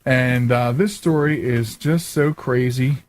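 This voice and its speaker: Speaking slowly at a medium pitch, this middle-aged talk show host rambles chattily through his monologue. He keeps interrupting himself and drifting off on tangents.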